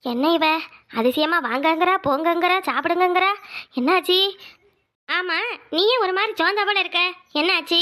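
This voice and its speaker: Brief: a bright voice dropping lower for a sarcastic, scolding elder sister-in-law. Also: normal speed, pauses often. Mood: suspicious. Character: older sister-in-law, blunt and suspicious. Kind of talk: Tamil family drama voiceover.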